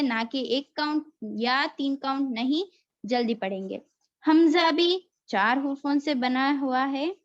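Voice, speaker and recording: A woman teaching letter reading, patiently explaining and drawing out each sound so students can follow. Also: high-pitched. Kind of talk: slow explanatory lesson with drawn-out letter recitation. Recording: dull lo-fi recording.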